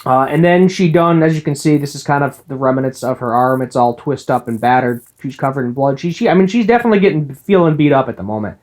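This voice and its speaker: A man's voice: mid-range voice, quick pace, hardly any pauses, a little mellow. A man giving a casual, rambling recap of an anime episode, full of ums and uhs, with the odd laugh. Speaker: anime reviewer.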